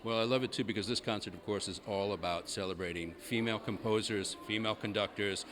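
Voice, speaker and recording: A man's voice: lowish voice, quick pace, background noise. A man hosting an on-location interview, asking upbeat leading questions.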